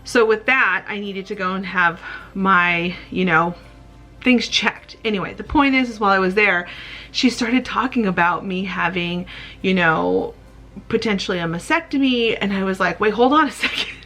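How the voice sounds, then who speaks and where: Candid vlogger, woman, late 30s: bright, even-pitched voice, rambling and tender, faint music under her. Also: moderate pace. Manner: rambling, open, tender, with small laughs. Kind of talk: candid personal vlog.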